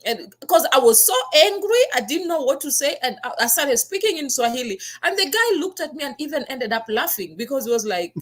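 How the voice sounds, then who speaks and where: A Kenyan talk show host whose first language is her Kenyan mother tongue speaks with a Kenyan accent in a high, very animated voice. Fairly quick and barely pausing, she tells her own story earnestly and emphatically.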